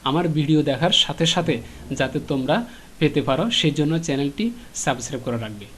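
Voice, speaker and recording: A man teaching an English lesson to schoolchildren, explaining patiently with frequent filler pauses and repeated questions. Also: a little high, lively intonation, fairly bright tone, slight background noise.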